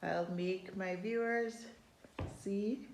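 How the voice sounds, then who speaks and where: A woman vlogger chatting casually on a home cooking vlog, relaxed and talking between bites. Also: medium pitch, very slow, echoey room, a little hiss or hum, low-quality recording. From Jamaica. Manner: relaxed, chatty, speaks with mouth full.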